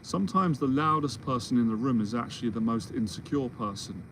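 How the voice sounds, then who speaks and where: A man's voice: medium pitch, animated, fairly quick, slight background noise, rough recording. A man of forty, a confidence mentor, talking in a rambling, reassuring solo Q&A and often restarting his sentences. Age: 40s. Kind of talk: solo Q&A monologue. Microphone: livestream or video call setup.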